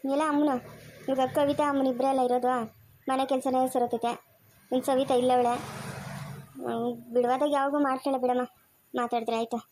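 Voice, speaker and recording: A woman with a high voice and a Chikkaballapur Kannada accent plays out a homemade family drama. She rattles off fast, scolding village talk. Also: little pitch movement, a little mellow. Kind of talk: amateur family drama acting.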